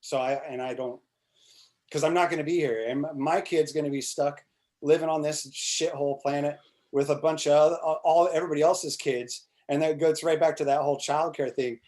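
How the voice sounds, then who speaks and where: A congressional candidate in his forties talks casually over a video call webcam from a small indoor room with a plain wall. His voice is a little high, steady, a little fast and a little mellow, and he rambles with frequent restarts, fillers and casual swearing.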